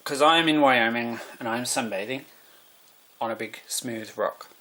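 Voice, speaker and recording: A man voicing a playful, boastful young man in a quick quoted aside. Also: mid-range voice, pushed and bright, close to an everyday voice. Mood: teasing.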